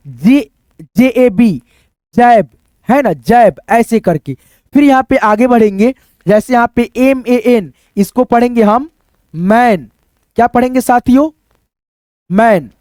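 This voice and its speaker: A man's voice: very high-pitched, a little mellow, dry recording. A man teaching English phonics, spelling out letters and repeating each word, asking the class and answering his own questions. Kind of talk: phonics lesson at a whiteboard.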